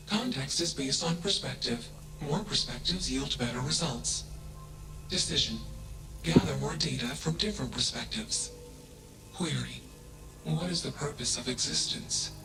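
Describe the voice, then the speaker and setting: A man voicing a self-aware male AI machine that speaks in a flat, emotionless way, announcing each statement type in clipped words. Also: medium pitch, measured pace, over music, low-quality recording.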